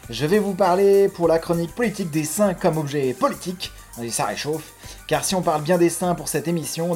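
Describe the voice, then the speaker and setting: A man's voice: a little high, a little mellow. A man presenting his radio columns as a columnist, in a prepared, scripted style. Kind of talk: scripted radio segment introduction.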